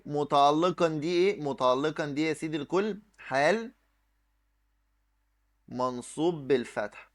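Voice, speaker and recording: A man with an Egyptian accent teaching an exam review lesson, explaining step by step and answering his own questions while he writes on the screen. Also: a little high. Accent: Egyptian Arabic. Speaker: Arabic teacher.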